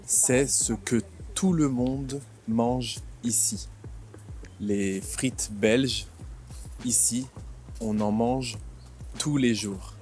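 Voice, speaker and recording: A man in his twenties from France, hosting a vlog and explaining things simply, with slow, clear speech that repeats and rephrases. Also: medium pitch, darkish tone. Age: 20s. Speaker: vlog host and French teacher. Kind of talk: slow comprehensible-input vlog narration. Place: outdoors in a city.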